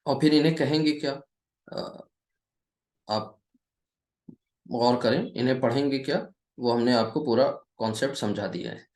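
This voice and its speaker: Male teacher, slow deliberate delivery, patient questioning tone, echoey room. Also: medium pitch, a little mellow. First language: Urdu or Hindi speaker teaching Arabic. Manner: patient, asks the viewer questions and answers them himself; deliberate, slow delivery with many repeated checks of "okay". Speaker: Arabic grammar teacher. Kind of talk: classroom-style lesson, explaining at a board.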